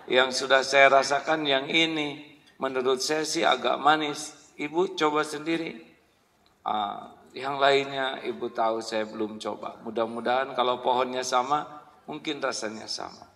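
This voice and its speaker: Brief: sincere, plain-spoken fruit seller, voiced by a preacher, bright tone, distant mic. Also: male voice, medium pitch, unhurried. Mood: patient. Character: honest, calm male mango seller. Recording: echoey hall, mic at a distance.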